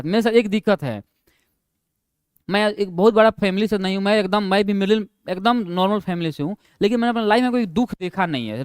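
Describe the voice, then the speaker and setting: A young man teaching an online class, chatting through his stories in a high, smooth voice. He laughs easily at himself and drops into a low mumble when he quotes others. The sound is close and dry, with no room in it. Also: no echo. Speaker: online exam-prep teacher. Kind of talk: casual classroom storytelling.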